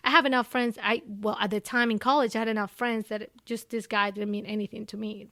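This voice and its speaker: A woman's voice: mid-range voice, steady tone, a little fast, a bit bright, dry recording, studio quality. A young woman from Ecuador with a Spanish accent, speaking English as her second language and chatting animatedly as an interview guest, full of "you know" and "like". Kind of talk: casual interview conversation.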